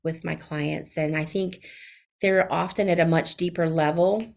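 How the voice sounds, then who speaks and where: Middle-aged Southern woman, lowish voice, halting and filler-heavy, podcast guest. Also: steady tone, gravelly. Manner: hesitant, many fillers and restarts. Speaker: guest, CPA. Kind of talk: podcast interview.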